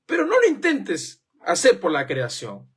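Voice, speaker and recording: A man's voice: high voice, wildly swooping pitch, unhurried, husky. A man preaching a sermon, firing off rhetorical questions and acting out the voices of the people he quotes.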